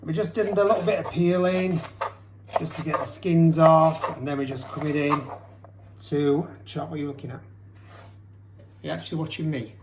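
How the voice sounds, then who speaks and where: A man co-hosts a cooking demonstration in his home kitchen, chatting and teasing as he chops. His voice is a little high and steady in tone, at a moderate pace with long pauses. The recording is echoey with background noise, and chopping sounds can be heard.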